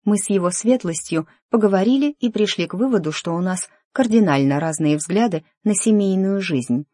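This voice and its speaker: Reader doing a young noble girl, upset and pleading, higher voice, dry close audiobook sound. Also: animated, normal speed, mellow, no echo, close to an everyday voice. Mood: calm. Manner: pleading, emotional, higher-pitched. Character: young noblewoman, agitated and hurt. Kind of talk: audiobook character dialogue.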